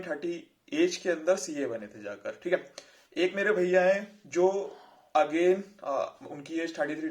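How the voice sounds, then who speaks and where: A man giving casual career advice to his viewers, chatty and repetitive. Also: on the high side. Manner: chatty, repeats fillers like "theek hai". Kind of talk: casual advice talk to camera.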